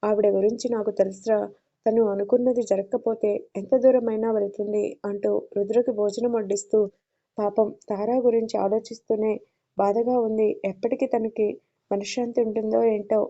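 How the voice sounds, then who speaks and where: A woman voicing a caring, worried middle-aged uncle who talks gently and gives advice in an audio story. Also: mid-range voice, little pitch movement, normal speed, muffled recording, natural voice. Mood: advising. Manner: gentle, confiding, advising.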